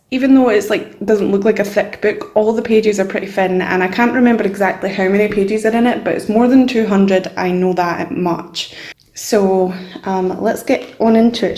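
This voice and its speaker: The sound is strongly echoey, like a room with almost nothing in it. A young woman talks slowly and casually as a channel host, in a medium-pitched voice. Her delivery is informal and somewhat hesitant, with a self-deprecating way of putting things. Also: a little mellow. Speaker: channel host showing a sketchbook. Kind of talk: casual chat, vlog voice-over. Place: nearly empty room indoors with only a desk. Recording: echoey, bare empty room.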